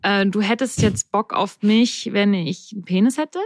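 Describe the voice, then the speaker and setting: A woman's voice: mid-range voice, moderate pace, no room sound, clean studio sound. A young woman chatting casually and candidly as she asks questions in a conversation. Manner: candid, informal. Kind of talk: casual chat.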